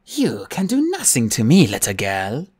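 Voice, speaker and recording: A man's voice: medium pitch, wildly swooping pitch, moderate pace, a little mellow, husky. A man voicing a towering, ancient female cat goddess who speaks in a haughty, commanding way.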